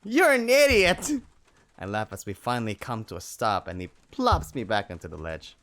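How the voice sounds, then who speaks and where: A let's play gamer with a fairly low voice, lively intonation, and a slightly fast pace reads a visual novel's lines aloud as he plays through it. He is playful and jokey, breaking into loud yells.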